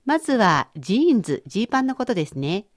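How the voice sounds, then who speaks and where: A woman leading a radio language lesson who explains words clearly and patiently. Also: medium pitch, sing-song, fast, no room sound, clean studio sound. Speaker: language teacher.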